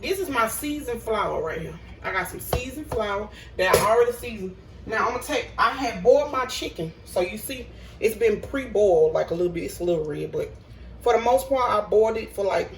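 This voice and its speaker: A woman's voice: a little high, animated, a little fast, slight background noise. A woman hosting a casual cooking vlog in her home kitchen, chatting to viewers. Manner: chatty, talks to viewers as y'all. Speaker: cooking vlogger. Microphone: phone camera. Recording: echoey kitchen, phone mic at a distance.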